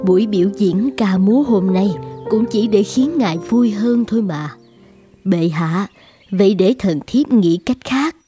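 A woman voices an attentive, dutiful royal consort in a dubbed children's cartoon, sounding courtly, respectful, concerned, and deferential. Her medium-pitched voice is animated, unhurried, mellow, and natural, with faint music behind it.

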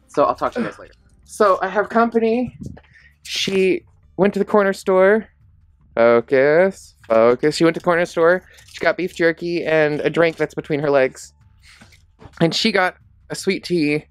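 A woman's voice: sits low, normal speed, soft background music. A woman vlogging casually to a handheld camera, chatty and rambling, often poking fun at herself. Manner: chatty, rambling, self-deprecating. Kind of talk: casual diary vlog to camera.

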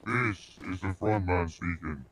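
A man voicing a menacing male stranger on the phone in a role-play game, in a put-on gruff accent. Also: sits low, a little slow, fairly bright tone, a little hiss or hum, voice pushed down. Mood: threatening.

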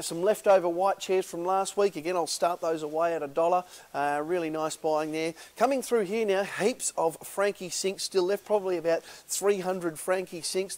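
A man's voice: a little high, darkish tone. A man in his thirties with an Australian accent, an auctioneer giving a casual, upbeat sales walkthrough of a large indoor warehouse, with lots of filler "uh"s.

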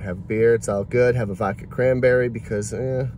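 A man's voice: medium pitch, steady tone, fairly quick, a little mellow, a little hiss or hum. A man in his forties talking candidly to a phone camera from inside his car, reflective and rambling. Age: 40s. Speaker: delivery driver vlogger. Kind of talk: casual reflective vlog talk. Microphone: phone camera at arm's length.

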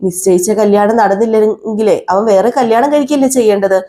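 A woman's voice: mid-range voice, fairly quick, dark tone, lightly acted. A woman voicing a brave, protective young woman who earnestly lectures and reassures a frightened friend. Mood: reassuring.

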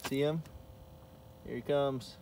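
Slow-talking man vlogging outdoors. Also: mid-range voice. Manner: excited bursts when catching fish. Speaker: fishing vlogger. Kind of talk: casual outdoor vlog narration. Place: outdoors on a frozen river. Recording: noisy outdoor recording.

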